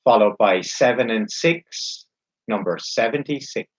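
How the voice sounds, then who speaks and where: Male bingo caller, dull lo-fi sound. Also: fairly low pitch. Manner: measured, repeats each number clearly in a set formula. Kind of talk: bingo calling, announcing numbers digit by digit with traditional nicknames.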